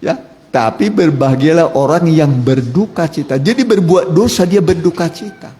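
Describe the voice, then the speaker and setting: A man's voice: on the high side, lively intonation, moderate pace, mellow. A man preaching an interactive sermon, quizzing the congregation, joking and repeating key words. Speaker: pastor. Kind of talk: interactive sermon with call and response. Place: church hall. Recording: echoey church hall with faint noise.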